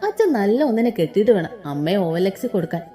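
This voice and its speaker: A woman's voice: mid-range voice, very animated, quick pace, warm tone, echoey room, faint music behind, lightly acted. Sassy college girl, blunt and cheeky, voice swoops up and down a lot, narrator puts her on. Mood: teasing. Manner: teasing, blunt and snappy. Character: sassy cheeky young woman college student.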